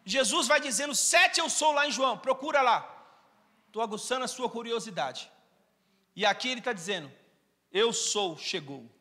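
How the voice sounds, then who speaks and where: A man's voice: very high-pitched, animated, moderate pace, pushed and bright. A male pastor preaching a sermon, calling out questions to the congregation and to viewers at home. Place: church hall. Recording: church hall reverb.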